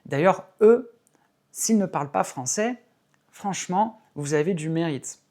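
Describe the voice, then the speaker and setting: A woman, an English teacher, explaining patiently and clearly in a video lesson, stressing key words by repeating them. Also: lowish voice, lively intonation, unhurried, dark tone.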